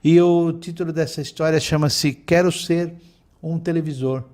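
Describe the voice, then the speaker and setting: Man giving a slow, reflective talk. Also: fairly high pitch, fairly even intonation. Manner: slow, gentle, reflective, with many pauses and fillers. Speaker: spiritist lecturer. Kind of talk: lecture with storytelling.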